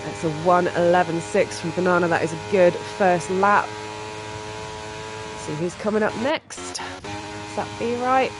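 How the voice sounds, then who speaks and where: A race commentator calls a live sim racing session in a mid-pitched voice that sounds thick and stuffy from a cold. He gets excitable, reacting quickly and jumping with excitement at fast lap times. Music is clearly audible behind him, and the audio quality is poor.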